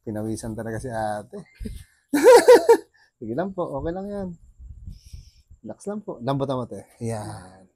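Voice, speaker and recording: A man's voice: medium pitch, wildly swooping pitch, a little slow, long pauses, warm tone. Soothing, coaxing Filipino man. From Philippines. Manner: soothing, coaxing, with frequent laughs. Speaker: bone setter. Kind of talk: coaching a client through a treatment.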